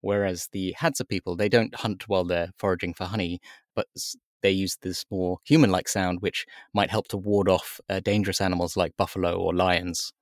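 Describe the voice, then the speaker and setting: A man's voice: low voice, level tone, normal speed, no echo, studio quality. A man, a magazine editor, explaining a science story in an enthusiastic, conversational way with some fillers and restarts.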